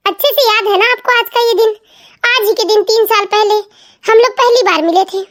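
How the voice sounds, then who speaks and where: A woman's voice: very high voice, moderate pace, a bit bright. A woman voicing a hopeful, sulky young wife in a comedy cartoon, chatty and talking to herself. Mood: teasing. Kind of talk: cartoon family comedy voice acting.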